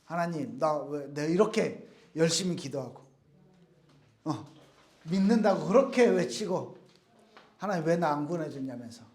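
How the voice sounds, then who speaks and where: A man's voice: on the high side, animated, normal speed, long pauses, a little mellow, echoey room, lightly acted. A man voicing a stubborn, devout man who waits on his rooftop for God to save him, speaking earnestly and insistently. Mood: complaining.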